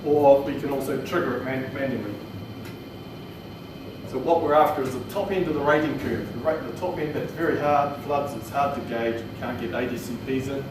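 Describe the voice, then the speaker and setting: A man presents technical material informally in an indoor training room, his New Zealand accent coming through in plain, hesitant speech. He has a mid-range voice and moves briskly. The captured audio is noisy and roomy, recorded from a distance.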